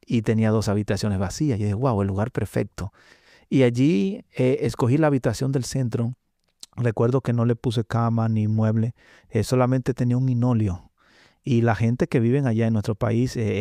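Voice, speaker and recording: Dark-voiced man telling a testimony. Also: mid-range voice, no room sound, clean studio sound. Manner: earnest storytelling with frequent hesitations. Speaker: guest preacher. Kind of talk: personal testimony in a podcast. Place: podcast studio.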